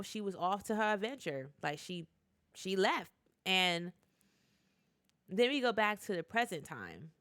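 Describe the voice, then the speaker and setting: A woman's voice: medium pitch, clear, resonant tone, no room sound, clean studio sound. A woman recapping a TV show in a casual vlog, retelling scenes with lots of fillers and restarts. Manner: animated retelling with acted quotes, many fillers and restarts. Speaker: TV recap YouTuber.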